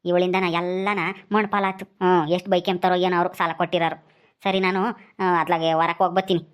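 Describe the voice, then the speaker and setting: A woman's voice: fairly low pitch, little pitch movement, quick pace, clean tone, voice pushed down, natural voice. A woman voicing a stern older brother from a village who scolds with nagging questions. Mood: worried.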